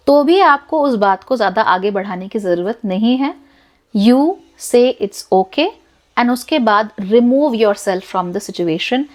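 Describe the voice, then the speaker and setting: A woman's voice: fairly high pitch, a little mellow. A woman with an Indian accent giving direct advice to camera, firm and instructive, repeating her key points. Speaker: life advice host.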